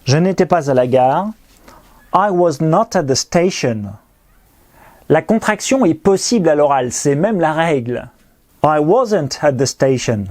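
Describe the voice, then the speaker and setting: Slow, patient man teaching English. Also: on the high side, expressive, a little mellow. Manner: patient, clear, repeats pronunciation drills. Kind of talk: recorded language lesson with explanations.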